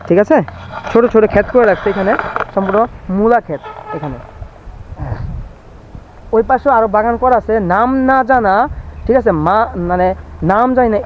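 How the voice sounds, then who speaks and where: High, fast-talking man vlogging outdoors. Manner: chatty, keeps asking viewers to look. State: voice going hoarse. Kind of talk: walking tour vlog. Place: outdoors on a windy farm estate. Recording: dull lo-fi phone audio with faint outdoor noise.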